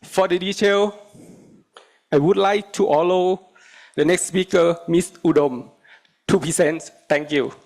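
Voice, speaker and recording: A man from Thailand with a Thai accent, a native Thai speaker, reads a formal prepared speech in halting short phrases as a government representative. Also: high-pitched, vocal fry, darkish tone.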